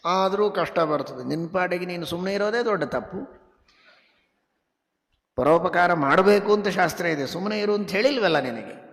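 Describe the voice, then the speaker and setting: A man with a North Karnataka Kannada accent preaches a devotional sermon, his fairly high voice rough with gravel. He chants Sanskrit verses slowly and shifts between loud emphatic stresses and quiet asides. The sound rings on in a long hall reverb. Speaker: religious teacher giving a discourse.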